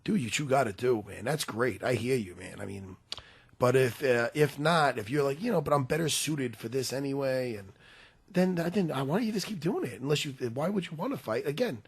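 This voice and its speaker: A man in his forties co-hosts a casual podcast. His voice is gravelly and a little husky, and his pitch swings up and down a lot. He talks bluntly and profanely, restarting his sentences as he goes. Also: lively intonation, a little fast. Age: 40s. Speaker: podcast co-host.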